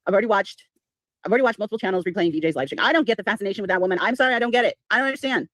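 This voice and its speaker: A woman's voice: medium pitch, animated, racing, a bit bright, no room sound. A woman hosting a casual livestream chat, sarcastic and swearing freely as she talks. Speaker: livestream host.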